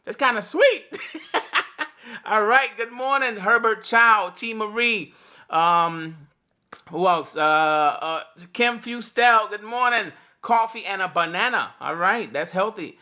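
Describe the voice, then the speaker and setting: A man's voice: high voice, measured pace, pushed and bright. Chatty man hosting a morning livestream. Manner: chatty, greets viewers by name, laughs often. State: slightly cracked voice. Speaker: host of a morning livestream for delivery drivers. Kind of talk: casual livestream chat.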